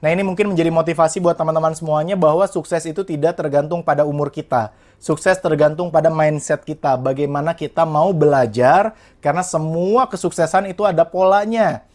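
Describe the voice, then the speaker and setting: A man's voice: on the high side, fairly even intonation, a little fast, darkish tone. A man in his twenties from West Java, a young entrepreneur guest telling his life story in an earnest, motivational way and speaking straight to the listeners. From Indonesia, West Java. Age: 20s. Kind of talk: motivational interview talk.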